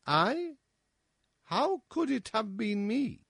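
A man voicing a bewildered, tipsy male dwarf jester who answers in a halting, dazed way. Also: high-pitched, very animated, vocal fry, a bit bright, husky, no room sound, clean studio sound, voice pushed up, heavily acted.

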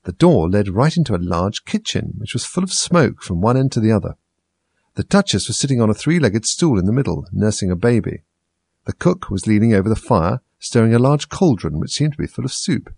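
Gravelly low-voiced man reading a story. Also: very animated, a little fast, a little mellow, no echo. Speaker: narrator.

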